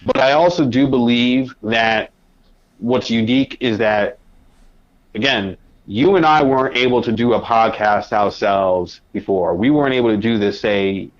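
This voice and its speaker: A man talking as a podcast guest in a casual conversation, animated, in quick bursts with frequent restarts. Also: medium pitch. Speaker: podcast guest, media editor. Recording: dull lo-fi sound.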